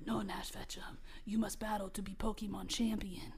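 A woman voicing a mysterious disembodied voice that gives commands, speaking low, hushed and solemn while reading a story aloud. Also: little pitch movement, normal speed, natural voice.

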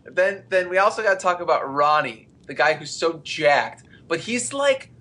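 A man's voice: a little high, sing-song, moderate pace, background noise. A man co-hosting a casual movie review chat, wry and offhand, swearing casually. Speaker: podcast co-host.

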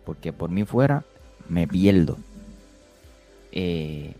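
Man, very low voice, measured scripture talk, repeats words, faint music behind. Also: lively intonation, warm tone. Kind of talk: conversational Bible teaching.

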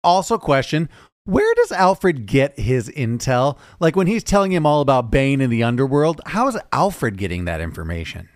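Lively man in casual movie chat. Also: mid-range voice, no echo, clean studio sound. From Chicago area. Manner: lively, jokey, quick asides. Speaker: podcast co-host.

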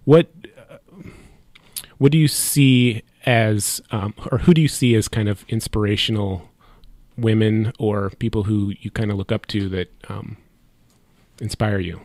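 A man's voice: fairly low pitch, unhurried, darkish tone, dry recording. A man hosting a podcast interview, asking questions hesitantly with many restarts. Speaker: podcast host. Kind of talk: casual interview.

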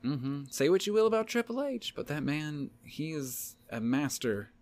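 A man's voice: a little high, moderate pace. A man co-hosting a podcast, recapping a wrestling match in casual chat, rambling and acting out quotes. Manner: rambling, animated, acts out quotes. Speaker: podcast co-host.

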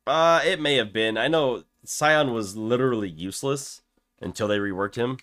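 A man's voice: medium pitch, normal speed, a bit bright. A man co-hosting a casual podcast chat, laid-back, swearing freely and laughing often. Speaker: podcast co-host.

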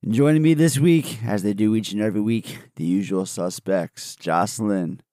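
A man's voice: lowish voice, normal speed, warm tone, dry recording, studio quality. A man hosting a casual film podcast, with upbeat, breezy emcee patter and casual swearing. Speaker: podcast host.

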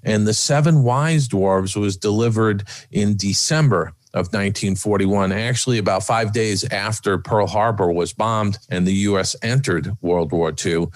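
Rambling low-voiced podcast man. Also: darkish tone, dry recording. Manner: rambling, chatty. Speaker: podcast co-host. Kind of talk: casual chat.

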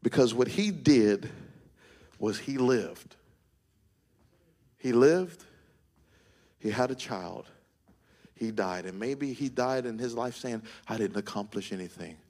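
Husky man preaching with rising fervor. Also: mid-range voice, lively intonation, takes it slowly, pauses often. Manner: builds from quiet talk to shouted, sing-song preaching calls. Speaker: pastor. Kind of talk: sermon.

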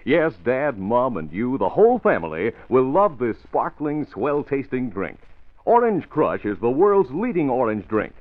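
Male announcer, chipper 1950s radio ad pitch aimed at kids, very animated, emphatic, vintage lo-fi sound. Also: a little slow. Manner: chipper, emphatic salesman delivery. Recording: dull old radio recording.

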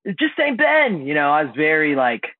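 Husky man, phone-like dry sound. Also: on the high side, sing-song, dry recording. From Indiana. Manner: halting, lots of fillers and restarts. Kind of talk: casual chat.

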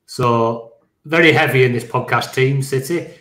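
A man's voice: mid-range voice, moderate pace, fairly bright tone. Casual man in a roomy echo. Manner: casual, swears, laughs easily. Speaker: podcast co-host. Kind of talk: casual chat.

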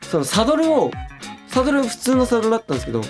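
Young male radio co-host, lively chatty delivery, studio with soft music bed. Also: extremely high pitch, rapid-fire. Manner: chatty, laughing, rambling. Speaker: radio show co-host reading listener letters. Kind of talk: casual radio chat.

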